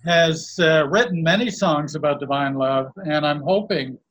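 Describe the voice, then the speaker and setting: A man from Canada in a casual conversation, introducing friends in a halting, complimentary way. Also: fairly high pitch, a bit bright, poor audio. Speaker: guest and co-host introducing friends.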